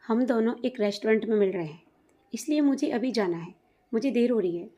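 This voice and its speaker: A woman's voice: on the high side, a little fast, noisy background, natural voice. A woman storyteller voicing a polite but irritated young man in a hurry, in a Hindi storybook reading. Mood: impatient.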